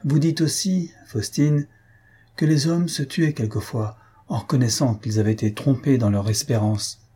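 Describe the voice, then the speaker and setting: Despairing nobleman, voiced by a male reader, reproachful, firm, warm, breathy tone. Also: mid-range voice, normal speed, natural voice. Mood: bitter. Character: despairing, bitter young nobleman.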